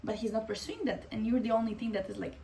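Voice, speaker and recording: Blunt animated young woman, faint hiss. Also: a little high, fast talker, gravelly. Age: young adult. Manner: blunt, animated, swears freely. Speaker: vlogger. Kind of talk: casual opinion vlog.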